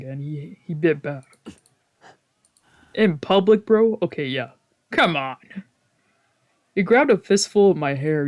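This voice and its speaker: A man whose voice is a little high and a little mellow chats informally while streaming a visual novel. He reads the text aloud and reacts along the way, swearing, trailing off and frequently correcting himself in this casual let's play.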